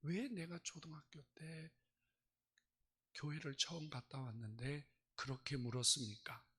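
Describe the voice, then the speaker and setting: Male pastor, sermon delivery, breathy edge on a bright, forceful voice, swings between whispers and bursts. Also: on the high side, measured pace. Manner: dramatic storytelling, swings from hushed whispers to loud outbursts.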